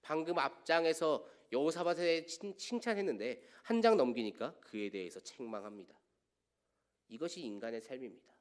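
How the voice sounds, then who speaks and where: A man preaching a sermon as pastor to a young adults' service, asking rhetorical questions and letting his lines fall quiet at the ends. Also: mid-range voice. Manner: earnest preaching with rhetorical questions, swelling and dropping to quiet line endings. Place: church sanctuary.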